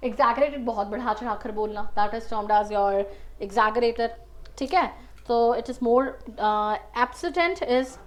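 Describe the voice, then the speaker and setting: High-voiced Indian woman teaching English. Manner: explains step by step, spells words out letter by letter. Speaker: exam prep teacher. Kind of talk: online lesson, mixing English and Hindi.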